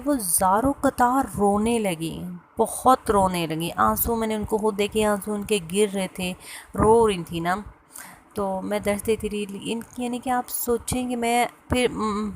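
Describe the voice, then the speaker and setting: A woman tells a personal story in a casual, hesitant way, pausing often with fillers and restarts. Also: medium pitch, slight background noise. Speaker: vlogger sharing a personal story.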